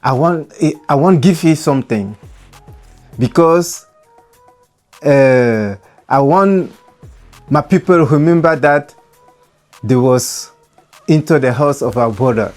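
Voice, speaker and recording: A man's voice: mid-range voice, expressive, slow, long pauses, a little mellow, faint music behind. A man, a designer, speaking earnestly in broken English and often repeating his words. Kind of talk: casual chat in broken English.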